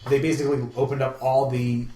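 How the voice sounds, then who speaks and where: A male podcast co-host rambles and jokes enthusiastically in a casual hobby chat about games. He talks fast in a warm, level, mid-range voice. The recording has a roomy echo and faint background noise.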